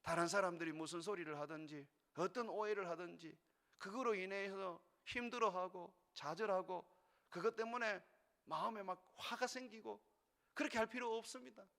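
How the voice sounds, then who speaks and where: A middle-aged male pastor preaching a sermon in earnest, rising to urgent peaks and dropping to quiet, intimate passages. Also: high voice, normal speed, vocal fry. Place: church sanctuary. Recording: long reverb of a large church hall.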